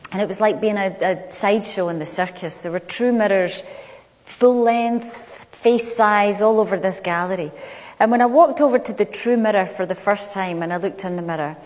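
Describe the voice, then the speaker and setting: A middle-aged public speaker from Glasgow, Scotland, with a Glaswegian accent and a medium-pitched, slightly mellow voice, gives a prepared talk on a large indoor stage. She tells stories in a measured, conversational way with deliberate pauses, and the echoey hall adds long reverb.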